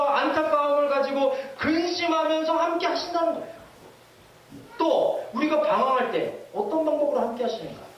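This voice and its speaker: A male pastor preaching a sermon in a church, lively and often asking the congregation questions and leading them in readings. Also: very high voice. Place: church sanctuary. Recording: echoey hall from far off, faint hiss.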